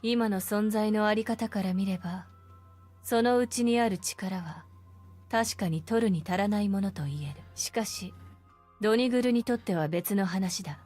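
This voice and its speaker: Woman playing a calm cold game strategist lady, faint music behind. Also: mid-range voice, lightly acted. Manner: measured and matter-of-fact. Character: composed, cold adult female strategist.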